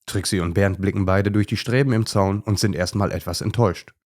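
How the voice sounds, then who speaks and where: A man narrating a children's audio story in a steady, clear reading voice. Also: fairly low pitch, brisk.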